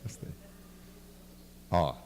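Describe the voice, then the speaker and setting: A man with a Bahian Portuguese accent teaching a Bible class, asking the class questions and acting out little scenes. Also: very slow. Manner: lively, asks the class questions, acts out scenes with his son. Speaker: church teacher. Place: church hall. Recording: reverberant church hall.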